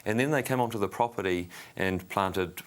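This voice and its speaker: A man with a New Zealand accent, an interview guest explaining and storytelling conversationally in halting, unhurried short phrases. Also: lowish voice. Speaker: winery general manager, interview guest.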